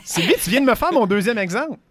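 A man's voice: very high-pitched, big pitch swings, quick pace, fairly bright tone, no echo, clean studio sound. A man with a Quebec French accent co-hosting a radio show, explaining things eagerly and acting out intonations between laughs. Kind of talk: casual radio chat.

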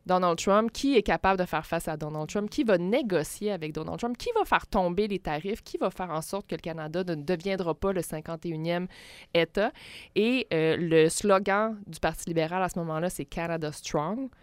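A woman explaining politics in a measured radio discussion, with frequent hesitations. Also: lowish voice, smooth, dry recording. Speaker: political commentator.

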